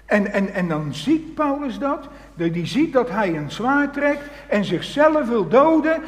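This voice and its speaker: A man preaching a sermon, telling the story with animation and swinging from loud to hushed. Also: very high-pitched, sing-song, unhurried. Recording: long hall reverb.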